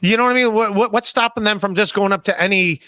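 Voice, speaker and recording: A man in his forties hosts a laid-back podcast from a room at home, speaking into a studio mic with headphones over a video call. His voice is high, fast and sharp, recorded cleanly with no echo. He reads chat messages aloud and makes self-deprecating jokes.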